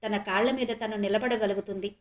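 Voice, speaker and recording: A woman voicing a kind, wealthy middle-aged adoptive father who talks eagerly and warmly in a read-aloud audio novel. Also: extremely high pitch, moderate pace, echoey room. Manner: eager, warm, generous.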